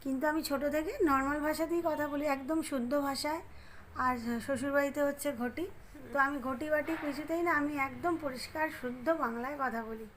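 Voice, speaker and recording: A woman's voice: high voice, steady tone, a little fast, a bit bright, slight background noise, poor audio. A woman in her thirties chatting casually to her viewers from home in a rambling way, full of fillers. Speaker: home vlogger. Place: at home indoors.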